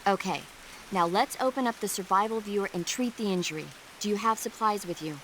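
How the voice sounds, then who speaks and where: Actress as calm female medic, faint hiss. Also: medium pitch, brisk, lightly acted, low-quality recording. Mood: reassuring, instructive. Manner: reassuring, firm. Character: calm, caring female field medic advising by radio. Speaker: medical support. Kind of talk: cinematic video game voice acting.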